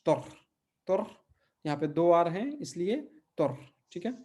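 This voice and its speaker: A man teaching a Portuguese pronunciation lesson, repeating each word slowly and checking in with his listeners. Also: on the high side, sing-song, a little mellow. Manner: patient, repeats words slowly and checks with "ठीक है?". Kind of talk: spoken language lesson.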